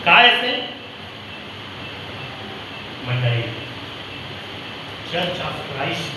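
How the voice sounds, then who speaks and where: A man's voice: fairly high pitch, sing-song, drawn-out words, distant mic, noisy background. A male preacher giving a sermon over a PA system, repeating his phrases and asking the congregation questions. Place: church hall. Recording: echoey hall PA sound from afar.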